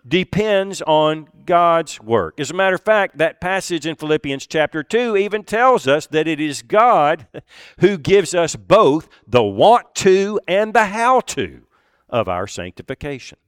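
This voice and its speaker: A man delivers a sermon in an earnest, deliberate way. His unhurried delivery leans on pauses and repeated words for emphasis. His fairly high voice swings widely in pitch and sounds dry and close, with no room echo. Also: big pitch swings, fairly bright tone, clear, resonant tone. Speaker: pastor.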